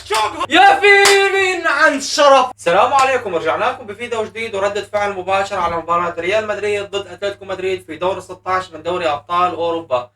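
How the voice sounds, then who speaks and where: A man hosting a live football match reaction, shouting and chanting at the goals. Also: sits high, fairly even intonation, racing, recorded from a distance, a little hiss or hum. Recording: echoey room, voice a bit off mic.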